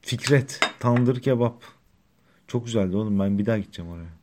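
A man's voice: lowish voice, a little fast, noisy background. A man co-hosting a radio show, joking and teasing in crude casual slang. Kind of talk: casual banter on air.

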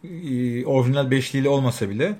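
Middle-aged guy, calm know-it-all chat, average pitch voice. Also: quick pace. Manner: knowledgeable, matter-of-fact. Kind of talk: casual chat about music and fashion.

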